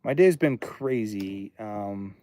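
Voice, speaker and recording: In a dry recording, a man in his late thirties with a warm, animated, lowish voice takes his time. He's hosting a casual livestream from his home studio, thinking out loud and drifting from one topic to the next.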